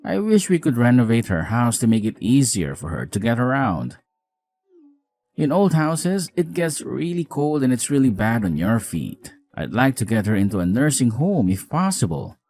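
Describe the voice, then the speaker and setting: In a scripted audio drama, a man with a mid-range voice plays a weary, apologetic newlywed husband, sounding earnest, expressive, caring and frank.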